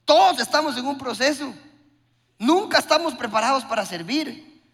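A man's voice: very high voice, expressive, normal speed, creaky, a bit bright. A man preaching a sermon with passion, acting out short dialogues. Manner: impassioned preaching with acted-out dialogues. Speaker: pastor. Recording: long hall reverb.

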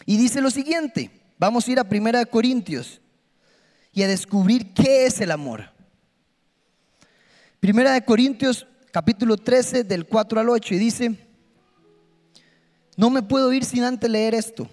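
A man preaching an impassioned, emphatic sermon in a church, swinging between soft and loud. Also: very high-pitched, expressive, a little slow, pauses often. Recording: long hall reverb with faint music.

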